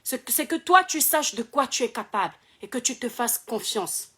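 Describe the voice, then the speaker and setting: High-voiced woman, hoarse, preachy. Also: lively intonation, moderate pace, bright, forceful tone. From Cameroon. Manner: preachy, repeats phrases for emphasis. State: hoarse after shouting. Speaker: online personality. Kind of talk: motivational video monologue.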